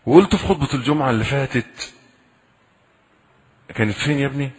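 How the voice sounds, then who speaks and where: Egyptian male preacher, husky tone, pleading then chatty with the crowd; echoey hall sound. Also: mid-range voice, lively intonation, fast. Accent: Egyptian Arabic. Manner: pleading in prayer, conversational questions to the audience. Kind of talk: sermon with supplications.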